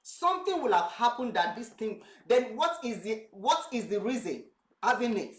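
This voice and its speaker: Nigerian lady co-hosting a church chat, earnest, kinda high voice, roomy echo. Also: very animated, moderate pace. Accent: Nigerian (Yoruba). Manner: earnest, repeats words while searching for phrasing. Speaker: co-host, pastor's wife. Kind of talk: church talk show discussion.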